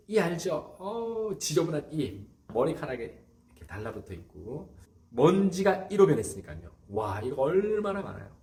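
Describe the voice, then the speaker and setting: A man's voice: mid-range voice, darkish tone, a little hiss or hum. A man, a pastor, giving a children's sermon, asking the kids questions and telling the story dramatically.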